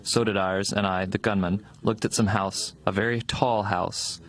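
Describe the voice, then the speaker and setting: A man's voice, electronically disguised and sitting fairly low, delivers a recorded soldier's testimony. He recounts everything in a steady, matter-of-fact way. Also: moderate pace.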